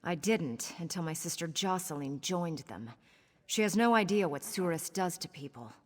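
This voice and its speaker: An actress with a fairly low, animated voice plays a scheming, roguish pirate woman in video game dialogue. Sly and cynical, she delivers her lines at a moderate pace with a sardonic, conspiratorial air, and the audio has a big-room sound.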